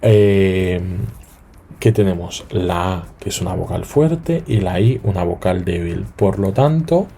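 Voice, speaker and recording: A man's voice: deep voice, gravelly, mellow, slight background noise. A man teaching a lesson, spelling points out and often checking in with rising questions. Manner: repeats and spells out points slowly. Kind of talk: explanatory lesson.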